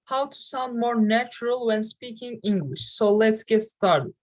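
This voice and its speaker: A young woman with a Turkish accent teaching English in a slow, careful lesson, pausing often and using fillers. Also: a little high, darkish tone, poor audio. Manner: slow, deliberate, with pauses and fillers. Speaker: English learning video host.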